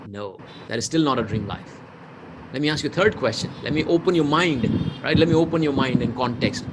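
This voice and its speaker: A mid-range male voice, fairly quick, comes through background noise: an Indian business mentor from India with an Indian accent leading a live webinar. He asks rhetorical questions with energy, reads out what people type in the chat, and mixes Hindi into his speech.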